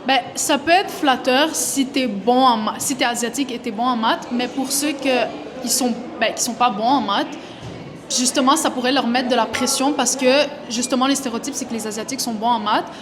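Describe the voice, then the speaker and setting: A young woman thinks her answer through and often pauses to find words. Her voice is slightly high, and crowd chatter sits behind her. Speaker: interviewed student. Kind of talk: casual street interview.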